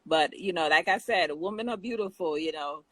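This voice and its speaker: A woman's voice: on the low side, moderate pace, fairly bright tone, dry recording, poor audio. A woman with a Jamaican accent chatting casually on a talk show, laughing often and restarting her sentences. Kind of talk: casual chat.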